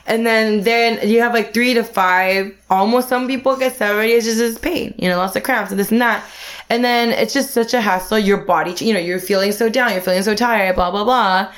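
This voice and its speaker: A woman's voice: medium pitch, steady tone, brisk. A young adult woman hosting a casual chat, talking frankly with frequent laughs. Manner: giggly, chatty, frank. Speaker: podcast host.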